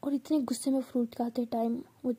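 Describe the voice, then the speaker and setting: A woman retells a love story in a casual, chatty way, repeating herself. Her voice is breathy and husky with a mellow, dark tone. She often drops into a whisper. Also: high voice, little pitch movement, fairly quick. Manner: chatty, repetitive, drifts into whispers.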